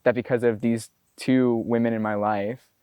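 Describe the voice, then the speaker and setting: An American man in his twenties, a botanist and climber being profiled for a documentary, speaks casually and reflectively, with loose phrasing full of "like." His warm, smooth, medium-pitched voice moves little in pitch and keeps a normal speed, captured in clean studio sound with no echo.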